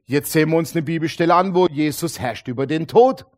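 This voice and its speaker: A man preaching a sermon, emphatic, alternating loud declarations with quiet asides and drawing out key phrases slowly. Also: on the high side.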